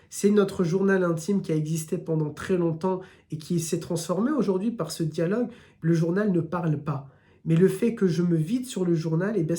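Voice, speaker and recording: His voice sits high and sounds warm as he delivers a live religious lesson. The man, an Islamic teacher with a southern French accent, talks directly to those listening and builds his arguments with repeated lists.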